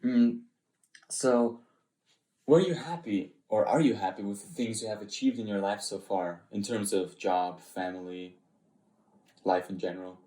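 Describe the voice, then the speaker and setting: A man's voice: lowish voice, unhurried, mellow, reverberant. A man hosting an interview, asking questions in a hesitant way with many fillers. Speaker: host. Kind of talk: interview host.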